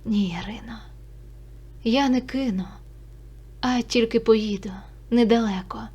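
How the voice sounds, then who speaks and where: A woman's voice: a little high, unhurried, husky. A woman whispering as a sorrowful young Cossack. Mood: tender, sorrowful. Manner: hushed, whispering.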